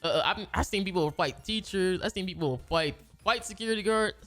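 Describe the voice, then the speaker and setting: A man's voice: high voice, fairly quick, fairly bright tone, soft background music. A man who makes gaming videos tells a long story casually, rambling with slang and restarting his sentences.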